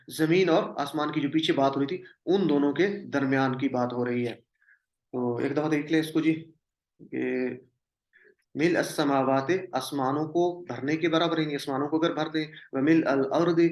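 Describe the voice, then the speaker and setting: A patient male teacher with a slightly high voice, repeating each word and its meaning so students can drill along. He slips English terms into his explanation, and his voice rings in an echoey room. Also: highs cut off. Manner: mixes English words into the explanation. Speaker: Quranic Arabic teacher. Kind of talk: classroom lesson.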